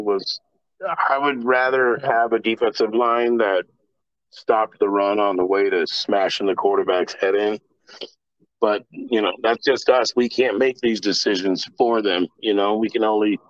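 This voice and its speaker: A man's voice: fairly low pitch, a bit bright, no echo. Blunt rambling man on a lo-fi podcast. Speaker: podcast co-host. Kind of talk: casual sports podcast chat.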